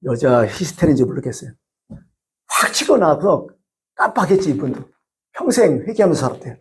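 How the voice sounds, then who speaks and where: A man's voice: on the high side, fairly quick. A male pastor preaching a sermon, telling stories and asking the congregation rhetorical questions. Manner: lively storytelling with rhetorical questions.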